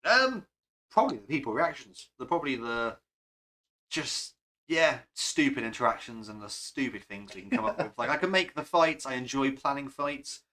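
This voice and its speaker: Bright-toned male game master in a loose, rambling chat, quick to laugh at himself. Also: medium pitch, very animated. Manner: rambling, self-deprecating, laughs often. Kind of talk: casual podcast chat.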